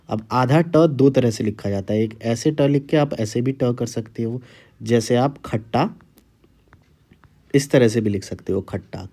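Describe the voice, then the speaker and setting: A man's voice: medium pitch, mellow. A man teaching Hindi, dictating words and repeating each one twice. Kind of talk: word dictation.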